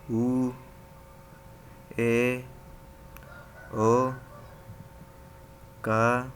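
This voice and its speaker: A man's voice: medium pitch, a little hiss or hum. A man teaching a language lesson, patiently reading syllables from a chart for learners to repeat and often adding a checking tag after each point. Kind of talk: classroom-style lesson, reading a chart aloud.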